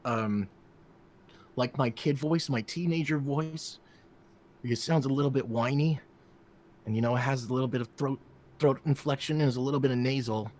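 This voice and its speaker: Animated male voice actor chatting. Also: mid-range voice, normal speed, long pauses, a little hiss or hum. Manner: animated, jumps in and out of character voices. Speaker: voice actor guest. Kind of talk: casual podcast chat.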